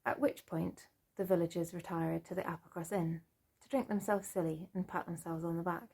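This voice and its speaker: A woman storyteller telling a folk tale in a lively way, with chatty asides. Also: fairly low pitch, fairly quick, vocal fry, breathy edge.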